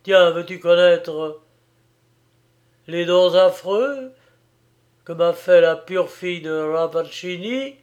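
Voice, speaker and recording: A man reading an audiobook, voicing a furious young man who lashes out in loud, raging outbursts. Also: a little high, fairly even intonation, slow pace, few pauses.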